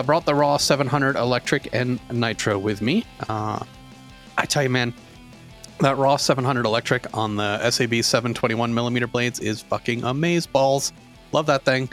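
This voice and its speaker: A man's voice: medium pitch, a bit bright. Rambling middle-aged man hosting a podcast. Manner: rambling storyteller, lots of fillers. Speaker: podcast host. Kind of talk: casual podcast chat.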